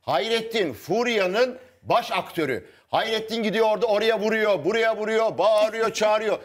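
A man's voice: sits high, normal speed. A man on a TV panel show, arguing back combatively and mocking the other side. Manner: combative, mocking, repeats himself. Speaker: studio panelist. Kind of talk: heated TV panel debate.

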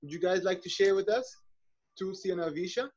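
A young man hosts an online open mic over a video call from an indoor room, speaking briskly in a high, slightly mellow voice. He talks casually, full of restarts and fillers. His laptop webcam gives dull, lo-fi audio.

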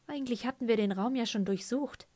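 A woman voicing a soft-spoken girl who talks quietly, in an audiobook. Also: fairly high pitch, a little fast, no room sound, close to an everyday voice.

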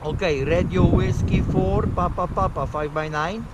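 A high-voiced man works amateur radio outdoors on open moorland, giving call signs phonetically in brisk procedural phrases. He speaks unhurriedly with fairly even intonation, and the highs are cut off. Heavy wind noise fills the outdoor recording.

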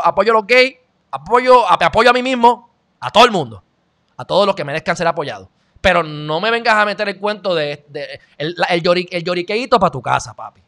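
This is a man from Puerto Rico hosting a commentary show, his Puerto Rican Spanish accent carrying a high, bright, forceful voice. He lectures bluntly throughout his opinionated monologue.

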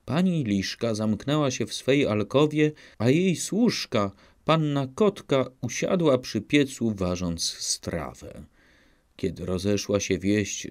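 A male narrator reading a fairy tale aloud. His telling is measured and rhythmic, and he keeps a slow pace in a middle register. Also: mid-range voice, a little mellow. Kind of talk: storybook reading.

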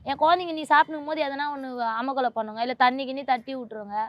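A woman's voice: high voice, fast, dry recording, dull audio. A woman, a mother of two, speaks in an emotional interview in a pleading, aggrieved and insistent way.

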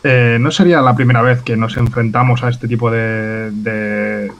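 A man's voice: mid-range voice, fairly even intonation, lightly acted. Man putting on an Italian-accented courteous scholar, muffled audio. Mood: courteous, persuasive. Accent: slight put-on Italian. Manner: polite, halting, deferential. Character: courteous Italian scholar-adventurer, male, discreet and pious. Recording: muffled voice-chat audio with noise.

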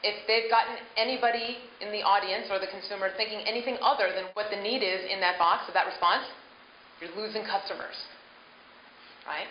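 A woman's voice: mid-range voice, steady tone, a little fast. A middle-aged woman giving instructional workshop talk as a voice acting coach, with emphatic delivery. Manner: emphatic, demonstrating script lines. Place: hotel conference room stage. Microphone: handheld microphone. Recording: echoey, dull hotel room recording with hiss.

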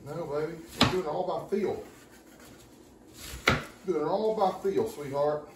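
In a roomy home kitchen with some background noise, a man hosts a casual cooking video, playfully chatting and tossing out pet names as he cooks. His voice is a little high and a little slow, picked up by a camera sitting a few feet away on the counter.

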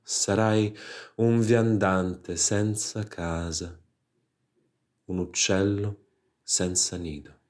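A man in his thirties gives a dramatic poetry recitation. His voice sits a little low. He takes the lines very slowly and deliberately, leaving pauses between phrases. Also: fairly even intonation, darkish tone. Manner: slow, measured dramatic delivery with pauses. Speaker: poetry reader.

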